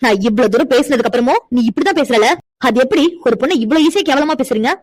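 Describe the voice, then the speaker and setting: A woman's voice: high-pitched, quick pace, dry recording. A woman voicing a defiant young woman in a cartoon, indignant and lecturing as she defends her friend. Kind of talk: cartoon voice acting.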